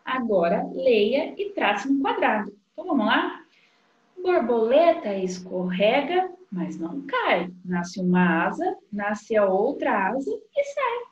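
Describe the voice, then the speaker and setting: A woman teacher, talking young children through a literacy worksheet in a slow, sing-song way. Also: fairly high pitch, big pitch swings. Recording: dull, echoey room sound.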